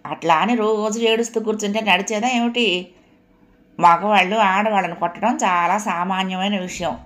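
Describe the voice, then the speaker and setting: A woman voicing a sharp-tongued older mother-in-law who scolds and grumbles. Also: medium pitch, fairly even intonation, moderate pace, lightly acted. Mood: lecturing. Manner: nagging, reproachful scolding.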